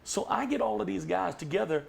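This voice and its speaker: A jam session host and singer talks casually and emphatically on a podcast, telling stories with gusto and quoting other people in a raised voice. His high-pitched, gravelly voice is animated and fairly quick, with slight background noise.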